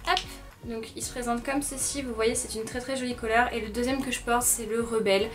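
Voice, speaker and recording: A young woman with a slightly high voice talks about her seasonal favorites in a casual, enthusiastic way, pausing often with little fillers. She is recorded a little away from the microphone, and soft music plays quietly underneath. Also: steady tone, far from the mic. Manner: chatty, frequent "euh" fillers, gentle and enthusiastic. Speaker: beauty vlogger. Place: bedroom.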